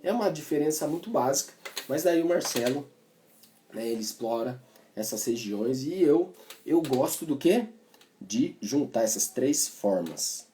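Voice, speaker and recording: A man's voice: a little high, animated, moderate pace, warm tone, a little hiss or hum. A Brazilian man teaching cavaquinho in a casual, chatty way, explaining as he plays and tagging his sentences with little fillers. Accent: Brazilian Portuguese. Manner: chatty, explains while playing, many filler tags. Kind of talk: casual music lesson. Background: cavaquinho playing.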